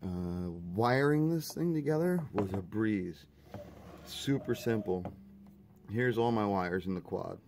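A man talking casually through a drone build, relaxed and plain-spoken with the odd "uh". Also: lowish voice, takes it slowly, slight background noise. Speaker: drone hobby video host.

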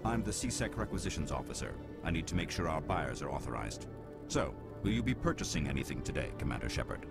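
A man's voice: rumbling low, very animated, quick pace, gravelly, full character voice. An actor playing a polite, businesslike male requisitions officer in a video game. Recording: game audio under loud music.

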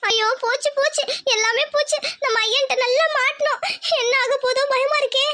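A frightened young village woman frets in a thin, piercing voice in a cartoon, as a woman acts her out. She whines and panics. Steady noise sits under the voice. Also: very high voice, brisk. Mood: panicked. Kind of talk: cartoon voice acting. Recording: noisy home recording.

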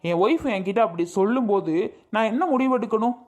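A woman's voice: fairly high pitch, fast talker, a little mellow, lo-fi sound, close to an everyday voice. A woman playing a young husband caught between his wife and his sister, pleading and then firmly resigned, in a family drama skit. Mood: aggrieved.

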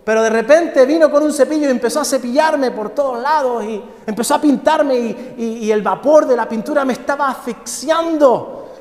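A man's voice: very high-pitched, moderate pace, darkish tone, pitched above the performer's own voice. A man voicing a talking clay cup, female and pleading, crying out for the pain to stop. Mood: weary. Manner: wailing cries for it to stop. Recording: echoey hall.

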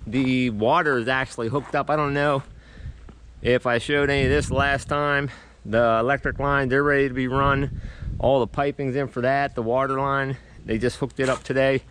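A middle-aged man, a vlogger and beekeeper, speaks at a moderate pace with fairly even intonation in a mid-range, fairly bright voice. He's filming a relaxed walk-and-talk outdoors at a rural building site with a head-mounted action camera, rambling and restarting frequently, with slight background noise.

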